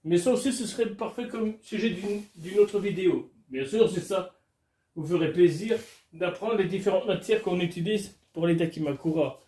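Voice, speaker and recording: A man's voice: high voice, moderate pace, mellow, roomy sound. A man alone at home, chatting casually and crudely to his camera while unboxing. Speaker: vlogger. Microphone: camera filming him.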